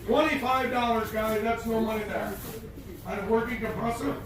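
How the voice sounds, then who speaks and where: Echoing heavily from some distance, a man calls an auction in a very high voice. He rattles off bids in a repetitive auctioneer's chant, folksy and urging. Noise sits clearly in the recording. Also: fairly even intonation, normal speed. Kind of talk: rapid repetitive auctioneer bid-calling chant. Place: live auction sale, off the mic. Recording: distant, echoey, clearly noisy live auction.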